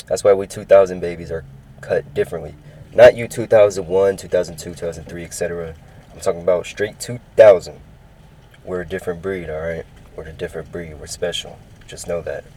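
A young California man in his twenties hosts his own casual sports podcast solo, sounding upbeat, rambling, and repetitive. His voice is low, steady, warm, and a little fast, though the audio quality is poor.

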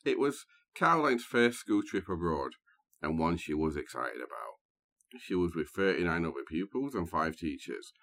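A man hosting a true crime podcast, telling the story in a measured, scene-setting way. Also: deep voice, very animated, fairly bright tone. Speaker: podcast host. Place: small booth, sharing a room with co-host.

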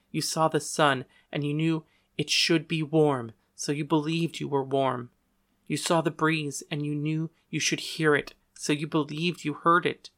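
A man reading a storybook, voicing a gentle, reassuring teenage girl in a soft, patient way. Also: a little high. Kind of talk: audiobook reading.

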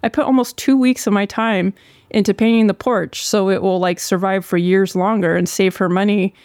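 A speaker with a gravelly, crackling vocal fry from a sore throat, telling a personal story in a candid, informal way with occasional swearing. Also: mid-range voice, steady tone, moderate pace, a little mellow, no echo, studio quality. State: long-running sore throat.

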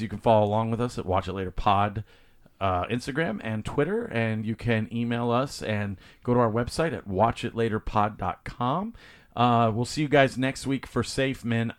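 A man's voice: mid-range voice, clean tone. Brash, profane male podcast host. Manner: blunt, profane, opinionated. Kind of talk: casual podcast banter.

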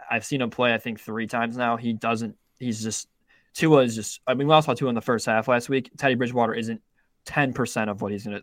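A young man chatting about bets on a podcast, his voice sitting at an ordinary middle pitch. He rambles, restarts his sentences and swears casually. The sound is dry and close, with no room behind it. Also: dry recording. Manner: rambling, self-interrupting, frequent restarts and swearing. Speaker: podcast co-host. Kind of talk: casual sports betting chat.

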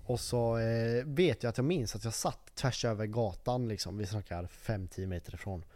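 A man's voice: fairly low pitch, darkish tone, no echo. Rambling young man telling a story. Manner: rambling, full of fillers, acts out quoted voices. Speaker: podcast host. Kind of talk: casual storytelling chat.

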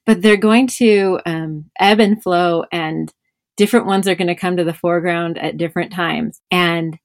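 A woman's voice: lowish voice, fairly even intonation, moderate pace. A woman in her thirties, a mother of five and podcast host, talking reflectively in a casual conversation with many fillers.

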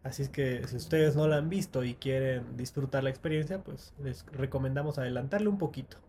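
A man's voice: mid-range voice, brisk, dark tone, slight background noise. A man hosting a casual film podcast, steering the segment and recounting a favorite scene at length. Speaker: podcast host. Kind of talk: casual movie discussion.

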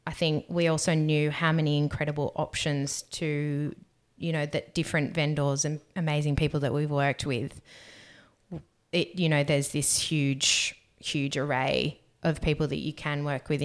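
A young woman co-hosting a podcast, reading out questions and chatting in a relaxed way about staying grounded and good energy. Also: sits low, moderate pace. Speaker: podcast co-host. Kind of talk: casual podcast chat.

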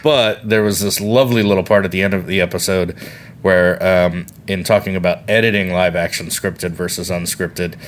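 A man's voice: low voice, fairly even intonation, moderate pace, slight background noise. A man co-hosting a podcast in casual chat, talking in a wry, rambling way. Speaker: podcast co-host.

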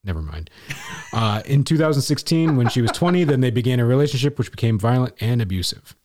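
A man's voice: medium pitch, expressive, quick pace, darkish tone, slight background noise. A man co-hosting a podcast in casual chat, rambling and profane, restarting his sentences. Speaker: podcast co-host.

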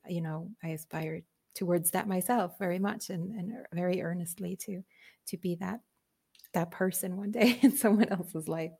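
The podcast guest, a woman who works as a business coach, has a low, dark, husky voice with a creaky quality and a moderate pace. Her casual, earnest conversation in the interview is full of laughter and fillers.

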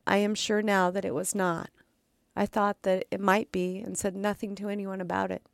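A woman's voice: mid-range voice, little pitch movement, moderate pace, gravelly, dry recording, studio quality. A woman podcast host reading a true story aloud, dramatic, with occasional stumbles and asides.

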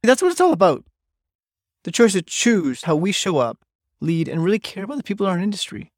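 A man's voice: high-pitched, sing-song, fairly quick, no room sound, studio quality. A middle-aged man hosting a solo podcast, talking bluntly and emphatically and swearing freely. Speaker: podcast host.

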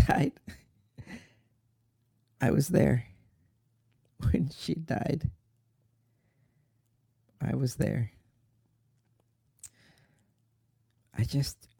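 This is a heartbroken young man, as an actor plays him, speaking in an unhurried, halting drama voice full of sorrow. His tone is creaky with a gravelly edge, and the sound is close and dry. He comes across as a sincere radio-drama lead. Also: mid-range voice, fairly even intonation, warm tone, no echo. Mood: grieving. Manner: slow, halting, tearful storytelling. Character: grieving young man mourning his mother. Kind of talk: dramatic monologue.

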